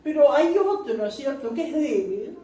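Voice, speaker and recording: A woman's voice: sits high, expressive, normal speed, mellow. A woman giving church Bible teaching, preachy and full of amens and "¿no es cierto?" asides. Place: church meeting room. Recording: echoey church room, mic far off.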